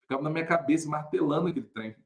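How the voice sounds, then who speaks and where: A young adult male pastor telling a personal story in casual talk, greeting viewers by name and laughing often. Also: rapid-fire. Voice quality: somewhat deep voice.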